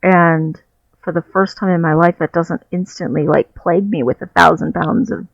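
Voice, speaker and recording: A vlogger with a fairly high, gravelly voice speaks at normal speed in a steady tone, candid and reflective as he works out what to say. He records his video diary on a headset mic while sitting on his bed at home, with no room sound. It's dull, muffled, lo-fi headset audio.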